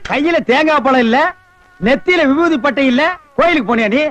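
A man's voice: very high-pitched, fairly quick, lo-fi sound, noisy background. An actor playing a brash, mocking man who poses as a beggar in a film comedy scene, talking in taunting, scolding banter. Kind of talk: Tamil film comedy dialogue.

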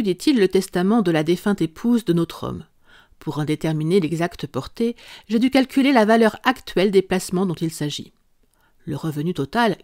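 A composed, dryly amused detective explains his reasoning at an even, unhurried pace, as an audiobook reader voices him. The voice sits in the middle range and sounds close and dry. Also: mid-range voice, no echo, natural voice. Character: calm, ironic male detective. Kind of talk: audiobook character reading.

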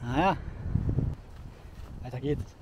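A man in his thirties talks casually while hiking through a rocky forest, reviewing outdoor gear in a chatty, enthusiastic way with lots of fillers. His voice is medium-pitched and slow-paced, and the background is noisy.

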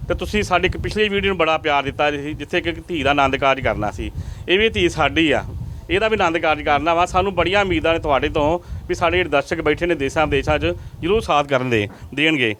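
A male field reporter talks quickly in a fairly high voice. He keeps pleading with viewers to help, repeating his appeals again and again. He is interviewing a family in their rented home. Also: a bit bright, a little hiss or hum.

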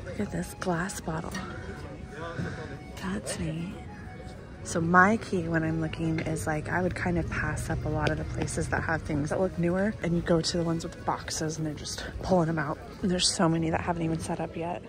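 A woman's voice: low voice, flat delivery, fairly quick, few pauses. Chatty woman vlogging outdoors over music. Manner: chatty and enthusiastic, at times dropping to a whisper. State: early-morning voice. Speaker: vlogger and host. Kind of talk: casual shop-along vlog. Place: outdoor flea market, early morning. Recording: background music under the voice.

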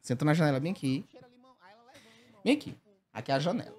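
A man's voice: a little high, a little fast. A man from the Brazilian Northeast with a Northeastern accent, telling a comic story in casual, slangy talk and laughing as he goes. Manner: lively, slangy, laughs through his own story. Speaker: comedian guest telling a story.

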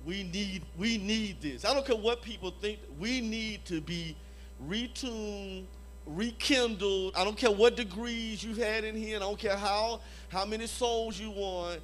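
A man preaches at a church training conference in a notably high voice. He speaks emphatically, repeats his points and keeps asking the crowd for an amen. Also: a little slow, a bit bright, a little hiss or hum. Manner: emphatic, repeats phrases, calls for "Amen?" from the audience. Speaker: conference evangelism leader. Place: church hall before a live audience.

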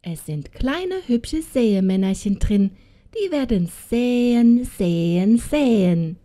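A woman's voice: fairly high pitch, unhurried. Woman doing a cooing old witch. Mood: whispering. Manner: cooing, flattering, giggling, sing-song. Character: greedy wheedling old female witch.

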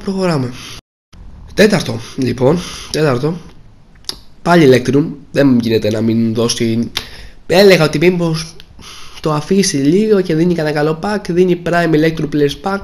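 Casting note: young male gaming creator, somewhat high voice, slightly hoarse, grumbling and let down. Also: darkish tone. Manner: grumbling, disappointed, repeats himself. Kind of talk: casual gameplay commentary.

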